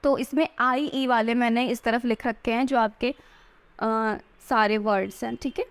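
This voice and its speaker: High-voiced woman teaching spelling. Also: fairly even intonation, clear, resonant tone. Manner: spells words out letter by letter, slowly; frequent "theek hai" check-ins. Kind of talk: exam-prep spelling lesson.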